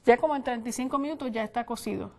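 A woman's voice: on the high side, racing, warm tone. An older Puerto Rican woman with a Puerto Rican accent, guest cook on a TV show, talking homely with lots of diminutives. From Puerto Rico. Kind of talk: cooking demonstration. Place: studio kitchen set. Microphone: lapel mic.

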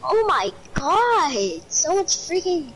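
High, lively young woman gamer. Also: slow, a little hiss or hum. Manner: excitable, exclaiming. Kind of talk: casual game chat. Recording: game music behind. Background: game music.

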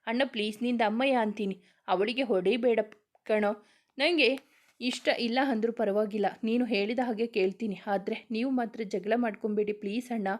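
A woman voicing a young woman, a gentle younger sister who pleads softly. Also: fairly high pitch, fairly even intonation, moderate pace, natural voice. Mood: pleading. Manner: soft, pleading.

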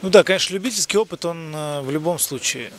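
A man calls a boxing match live in a conversational style, his voice a little high and fast. Loud music and the sound of an event hall fill the background.

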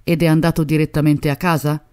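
A woman's voice: sits low, little pitch movement, a little fast, mellow, clear, resonant tone, lightly acted. A woman reading an audiobook, voicing a stern police commissioner who questions in short, clipped lines. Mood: questioning. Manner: curt, questioning.

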